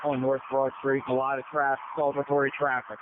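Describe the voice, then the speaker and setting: A man reporting from the field as a police officer over radio, in a halting, matter-of-fact way. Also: mid-range voice, completely flat delivery, narrow, tinny audio. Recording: thin noisy police radio, faint hiss.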